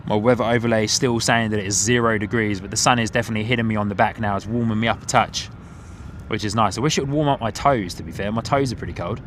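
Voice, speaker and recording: A man's voice: on the low side, fairly even intonation, fast talker, a bit bright. A man from England with a New Zealand twang in his English accent, chatting casually to viewers and commentating live as a plane-spotting host. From Hertfordshire, England. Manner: chatty, thanks and greets viewers by name. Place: outdoors on a van-top platform by an airport. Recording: outdoor airport ambience, clear vehicle noise.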